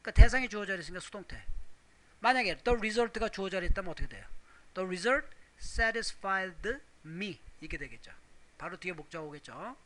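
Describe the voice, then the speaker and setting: A Korean man teaching English grammar, explaining step by step with rhetorical questions and reading English examples slowly. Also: sits high, expressive. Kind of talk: recorded grammar lecture.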